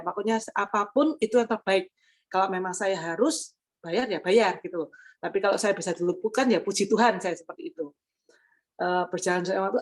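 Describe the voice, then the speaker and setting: A middle-aged woman giving a personal testimony at a women's church service, talking casually with many pauses and fillers. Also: medium pitch. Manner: conversational, with frequent hesitations and fillers.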